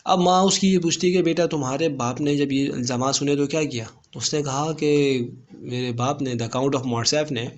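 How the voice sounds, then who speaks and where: A man's voice: mid-range voice, moderate pace. A man teaching a lesson, explaining a play step by step and mixing in English phrases.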